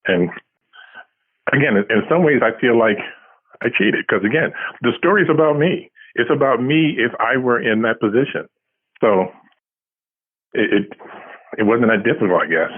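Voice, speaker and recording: Heard over a tinny phone line, a science fiction writer of about seventy gives casual, modest and reflective answers as an interview guest. His mid-range voice is animated with a breathy edge, moving at normal speed with frequent pauses and no room sound.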